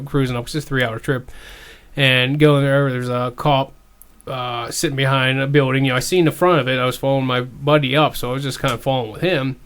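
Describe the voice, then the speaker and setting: A man with a mid-range voice settles into a long, easygoing anecdote on a casual podcast. His storytelling is drawn out and relaxed. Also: medium pitch, clean tone. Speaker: podcast co-host.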